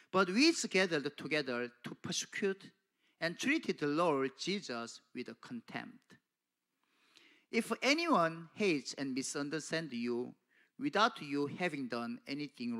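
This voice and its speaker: Slow, emphatic male preacher. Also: on the high side, a bit bright. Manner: slow, emphatic preaching with rising calls of "Amen?". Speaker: pastor delivering an English translation of a sermon. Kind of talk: sermon. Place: small church hall with a cross and a pulpit. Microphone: handheld microphone at a pulpit.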